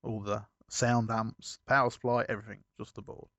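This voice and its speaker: A man's voice: on the low side, level tone, moderate pace, a bit bright, dry recording, muffled recording. A man chatting casually as a podcast co-host, rambling through a story and correcting himself as he goes. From United Kingdom.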